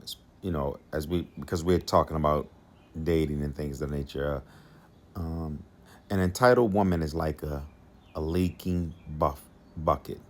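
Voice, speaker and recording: The podcast host has a very deep voice and talks at a moderate pace. In a casual monologue about dating, he hammers home key lines through repetition and chuckles along the way.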